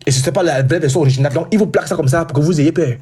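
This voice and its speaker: Brief: husky, fairly high male voice, loud insistent live debater who repeats points. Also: racing. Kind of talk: heated live religious debate.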